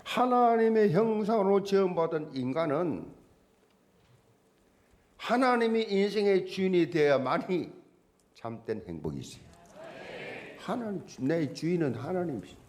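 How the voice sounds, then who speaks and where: Male preacher, slightly high voice with an animated swinging delivery, leans hard on rhetorical questions. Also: unhurried, long pauses. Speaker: pastor. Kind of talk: sermon.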